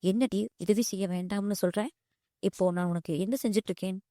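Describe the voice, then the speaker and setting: A woman's voice: medium pitch, fairly even intonation, brisk, mellow, no room sound, clean studio sound, close to an everyday voice. A woman voicing a wealthy, insistent young man who pleads and scolds in turn. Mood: frustrated. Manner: pleading then scolding, calls her "di".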